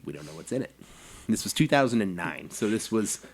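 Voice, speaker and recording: Man telling a story in a low voice. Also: brisk, creaky. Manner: animated anecdote telling with acted quotes and laughs. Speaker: podcast co-host. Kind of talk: casual storytelling chat.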